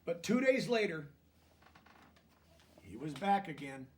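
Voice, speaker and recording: A man with a noticeably high voice and big pitch swings reads a children's picture book aloud, moving deliberately through the text. He breaks off into softer asides, explaining the story in simple, plain words. The recording sounds distant, as if he's well away from the microphone.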